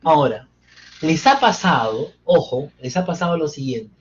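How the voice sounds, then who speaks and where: A man's voice: fairly high pitch, lively intonation, moderate pace. Male lecturer quizzing his online class. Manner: engaging, keeps quizzing students. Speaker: psychotherapy lecturer. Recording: dull lo-fi sound with faint background noise.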